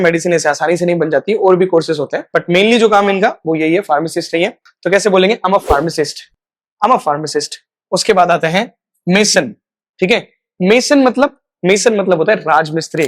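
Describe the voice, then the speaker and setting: A man teaching a spoken English lesson. He repeats each example phrase, stretches it out slowly, and checks in often with "right?". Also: sits high. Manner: slow, drawn-out model phrases; repeats words for practice.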